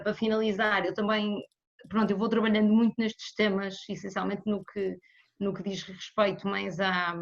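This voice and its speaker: A woman with a European Portuguese accent, answering as a guest in an interview about economics in a measured way. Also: mid-range voice, a bit bright. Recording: slightly muffled lo-fi audio.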